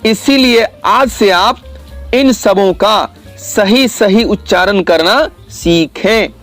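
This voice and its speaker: High-voiced man teaching slowly. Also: a bit bright, soft background music. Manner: slow, careful explanation with drawn-out vowel sounds. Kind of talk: classroom lesson to children.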